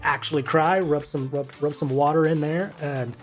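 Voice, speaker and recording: A man's voice: a little high, normal speed, faint music behind. A man in his thirties, a voice actor, explaining technique in a chatty, rambling way full of self-corrections. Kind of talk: casual instructional commentary.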